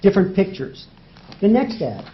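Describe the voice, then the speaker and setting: A man addresses a judge in a courtroom oral argument, his voice pitched high for a man. He drives his case with rhetorical questions and repeats key words for emphasis. The recording is dull and lo-fi. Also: huge pitch swings, normal speed, a little hiss or hum. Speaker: lawyer arguing in federal court.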